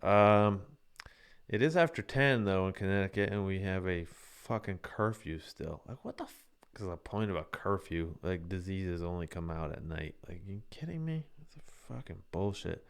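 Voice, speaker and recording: A man with a somewhat low, smooth, resonant voice, hosting his own live-streamed show. He talks casually and rants in a heated, swearing way. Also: expressive, normal speed. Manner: heated, profane ranting. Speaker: livestream show host.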